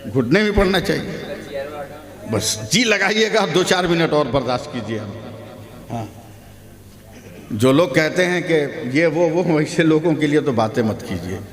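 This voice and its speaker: A man giving a humorous sermon at a public gathering, telling a story and acting out the dialogue, often rising to shouts. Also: on the high side, big pitch swings, moderate pace. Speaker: Islamic preacher. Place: large hall at a public gathering. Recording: long hall reverb with loud crowd.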